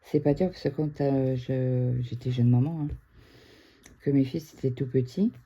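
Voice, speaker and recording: A middle-aged woman from France chatting casually to viewers at home, excitable and quick to raise her voice. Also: very deep voice, breathy edge, dull audio. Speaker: craft vlogger. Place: indoors at home.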